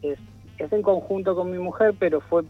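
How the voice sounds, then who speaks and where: A man's voice: sits high, normal speed, faint music behind. Hesitant man, lo-fi radio. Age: 40s. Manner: hesitant, many restarts and fillers. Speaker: guest. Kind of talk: radio interview. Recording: dull lo-fi radio sound.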